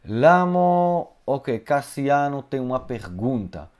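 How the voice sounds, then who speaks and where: Man, native Hebrew speaker, language teacher, live online class, halting speech, lots of fillers, mid-range voice. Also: medium pitch, big pitch swings, a little mellow. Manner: hesitant, many fillers and tag questions. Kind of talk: live online lesson answering questions.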